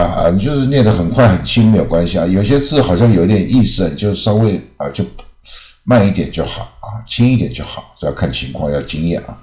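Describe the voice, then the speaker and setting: Low-voiced man teaching with rambling fillers. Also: a little mellow. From Taiwan. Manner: rambling, ends phrases with drawn-out "ah" fillers. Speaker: English teacher. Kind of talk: casual spoken lesson. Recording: echoey room.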